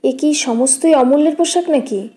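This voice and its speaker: A woman voicing a sharp-tongued middle-aged elder sister-in-law who scolds in a raised, scornful tone, read as an audiobook character. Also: high voice, moderate pace, lightly acted. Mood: grumbling.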